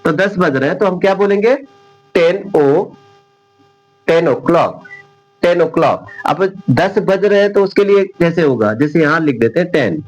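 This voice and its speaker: A man whose first language is Hindi, with a slightly higher voice than most men, teaching English grammar to exam students. He says each word over and over and firmly corrects wrong forms. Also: lively intonation, normal speed, poor audio. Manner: repeats words patiently, corrects mistakes firmly. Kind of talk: classroom-style grammar lesson.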